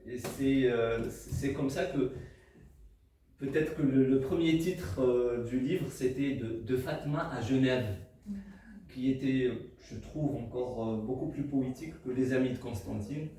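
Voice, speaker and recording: An unhurried man with a medium-pitched, dark voice presents his book off the cuff. Arabic is his first language, and he stumbles through fillers and restarts. The recording comes from an echoey room with a faraway mic and faint background noise.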